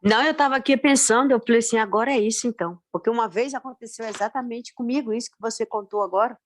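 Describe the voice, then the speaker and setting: A woman's voice: a little high, fast talker. A woman in a study group, sharing her own experience and quoting herself as she tells it. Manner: lively storytelling, quoting herself.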